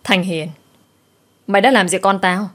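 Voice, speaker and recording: A woman voicing a shrill, scheming middle-aged stepmother who wails loudly. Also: unhurried. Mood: accusing. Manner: shrill, wailing.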